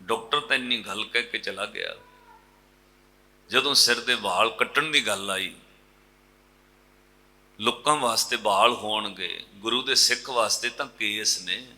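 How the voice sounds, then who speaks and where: Bright-voiced Punjabi Sikh preacher. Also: male voice, medium pitch. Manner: dramatic storytelling, voices of characters with rising emotional outbursts. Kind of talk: sermon storytelling.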